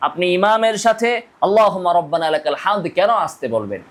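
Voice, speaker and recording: A man preaches on points of prayer in a notably high voice. He recites short Arabic passages, translates them, and keeps pressing his audience with pointed rhetorical questions. His delivery is that of a mufti building an argument step by step. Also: very animated, fast talker. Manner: recites Arabic hadith text then translates. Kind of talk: religious lecture on prayer rulings.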